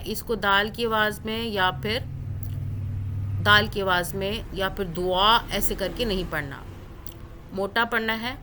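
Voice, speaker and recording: A woman teaching Quran recitation rules step by step, drawing out the recited words slowly. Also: mid-range voice, sharp tone, a little hiss or hum. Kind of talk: tajweed lesson with recited examples.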